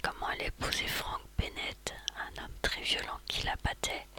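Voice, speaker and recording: An ASMR video host softly whispers, library style, recalling favourite books and films. The delivery is halting, broken up by pauses.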